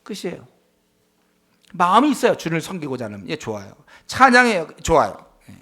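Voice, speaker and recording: Male pastor, high-pitched, Bible study sermon, emphatic with rhetorical questions. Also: wildly swooping pitch, a little fast, pushed and bright. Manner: emphatic, rhetorical questions, frequent affirming "yes".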